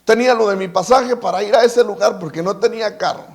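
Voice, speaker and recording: A man's voice: high voice, fast. A man, telling a personal testimony in a sermon, often restarting and repeating words. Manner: storytelling with many repetitions and restarts. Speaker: preacher.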